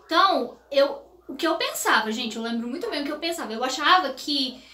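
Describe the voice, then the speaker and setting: A woman's voice: high voice, expressive, brisk, pushed and bright, slight background noise. A young Brazilian woman hosting a family vlog, talking casually and animatedly straight to her viewers. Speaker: vlog host, the daughter. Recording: echoey home room.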